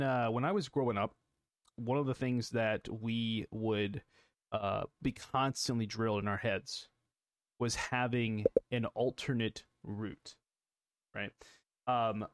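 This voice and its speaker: A young adult man hosts a solo motivational podcast in a mid-range voice, coaching listeners, repeating phrases, and posing rhetorical questions. The sound is clean studio audio with no echo.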